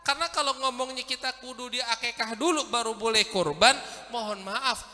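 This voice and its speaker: A man giving a casual, animated sermon, often asking his listeners questions. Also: very high-pitched, normal speed, in a large hall. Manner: colloquial and animated, addresses listeners directly with questions. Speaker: ustadz giving a religious study talk.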